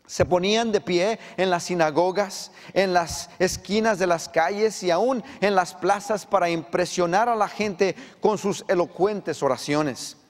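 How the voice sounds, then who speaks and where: A man preaching a sermon as pastor, with an animated delivery that climbs and presses harder when he drives a point home. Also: high-pitched, measured pace, few pauses. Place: church sanctuary. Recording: long church reverb.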